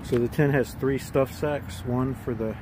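A man in his forties, a gear reviewer, films himself with a handheld phone at arm's length in a backyard, giving a relaxed, plain-spoken walkthrough of a tent. His voice is mid-range and a little slow, and background noise comes through the outdoor recording.

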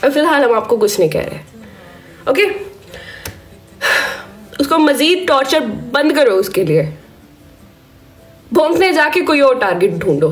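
Her voice high-pitched yet hoarse as if her throat were sore, a woman live-streaming on social media lectures her viewers with a stern warning. She tacks an "okay?" onto every point as she scolds them.

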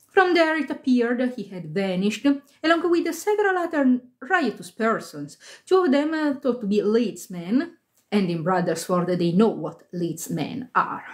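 A woman's voice: medium pitch, darkish tone. A woman reading a ghost story aloud on a live stream, with small slips and casual asides to her viewers. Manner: reads aloud with occasional slips, laughs and comments. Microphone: phone.

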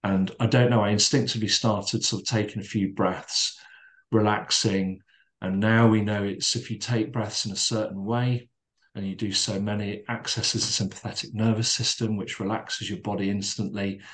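A middle-aged man, a podcast guest, reflecting calmly in conversation with frequent fillers and restarts. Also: fairly low pitch. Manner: calm, measured, with many restarts and fillers.

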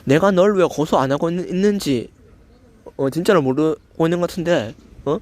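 Speaking fairly quickly in a high-leaning, darkish voice, this young adult channel host stammers through an angry tirade aimed at a commenter. His pronunciation slurs slightly, and he swears, stays confrontational, and keeps saying "eo."

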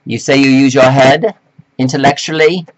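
A man delivering a slow, preachy, scolding monologue to men, reading from notes with sudden jumps in pitch. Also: steady tone, highs cut off. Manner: reads from notes. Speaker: self-styled life coach addressing men. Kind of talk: lecturing monologue to camera.

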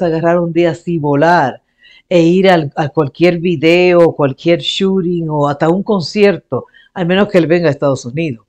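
A man hosting a music reaction channel who talks in a casual, rambling way and often repeats and restates his points. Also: high voice. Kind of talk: casual vlog commentary.

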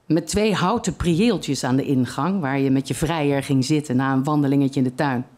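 A reader telling a short story aloud at a literary evening in a steady, measured way. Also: medium pitch.

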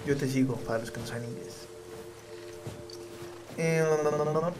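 A man's voice: on the high side, moderate pace. A man with a Colombian Spanish accent doing casual, teasing let's-play commentary, chatting to viewers and game characters in slang. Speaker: gaming streamer. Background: game music and sound effects.

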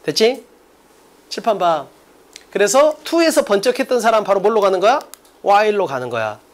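A man's voice: sits high, sing-song, normal speed. A man lecturing on an English exam, emphatic and blunt, constantly firing rhetorical questions at his students. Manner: emphatic, quizzes listeners with rhetorical questions, blunt casual speech. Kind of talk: energetic classroom lecture.

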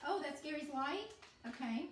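A woman chatting excitedly as she unboxes products on a livestream, recorded on a phone from across a home kitchen. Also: high-pitched, normal speed, a little hiss or hum. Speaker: host of an essential oils unboxing. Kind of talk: casual unboxing chat on a livestream. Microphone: phone camera across the counter. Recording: echoey kitchen, heard from a distance.

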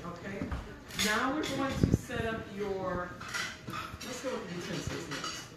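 A woman's voice: mid-range voice, expressive, measured pace, heavy background noise. A woman instructor giving step-by-step directions to a group, patiently repeating each point. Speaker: etiquette class instructor. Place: busy tea room, recorded from across the room. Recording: distant, echoey phone recording amid crowd chatter.

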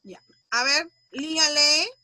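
High, bright-voiced patient schoolteacher. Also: female voice, no echo. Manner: patient, slow, sounds out syllables; uses gentle diminutives. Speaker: primary school teacher. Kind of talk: online class for young children.

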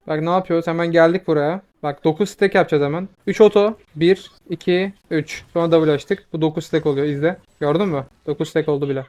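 Fast-talking young man gaming commentary. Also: fairly high pitch. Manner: fast excitable commentary, swearing in frustration. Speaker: gaming video creator. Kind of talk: live gameplay commentary.

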